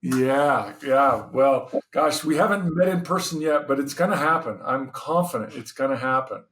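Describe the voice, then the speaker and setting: A man hosts an interview podcast, opening with a scripted welcome before moving into questions. His voice sits at an ordinary middle pitch. He speaks in a measured way, with the odd hesitant "uh" and repeated word. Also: lively intonation, fairly bright tone. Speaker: podcast host.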